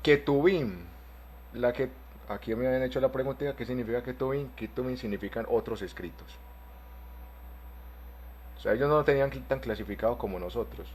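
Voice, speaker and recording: A man teaching an online Bible class, explaining terms step by step and spelling words out slowly. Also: medium pitch, darkish tone, slight background noise.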